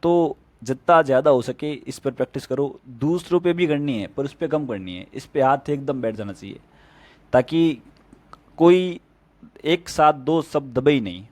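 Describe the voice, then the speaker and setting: A man's voice: mid-range voice, animated, moderate pace, darkish tone, no room sound. A man who teaches stenography gives a casual spoken tutorial with plain, step-by-step tips.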